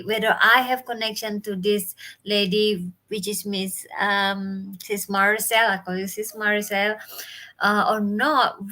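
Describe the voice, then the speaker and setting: Bright-voiced Indonesian woman, unhurried live chat. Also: mid-range voice. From Bali, Indonesia. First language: Balinese or Indonesian, not English. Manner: chatty, with frequent fillers and broken English. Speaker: livestream host and business mentor. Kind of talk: casual live stream chat. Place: home. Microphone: phone or webcam live stream.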